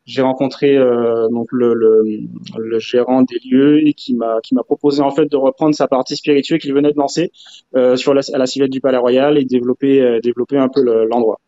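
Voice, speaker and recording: A man's voice: medium pitch, little pitch movement, brisk, mellow. A man from Martinique, a rum specialist guest, speaking hesitantly with many fillers on a live video call. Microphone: phone on a video call. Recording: dull lo-fi call audio.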